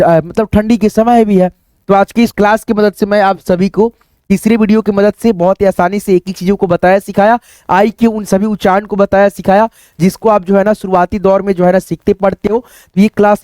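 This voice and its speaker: A man's voice: sits high, darkish tone, no room sound, clean studio sound. A man teaching beginners how to read English words, spelling them out letter by letter, repeating each answer and quizzing his viewers. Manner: keeps asking the viewers what to read. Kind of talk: phonics lesson for beginners.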